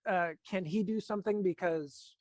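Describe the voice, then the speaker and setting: High-voiced hesitant male player. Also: moderate pace, a little mellow. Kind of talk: casual tabletop game talk.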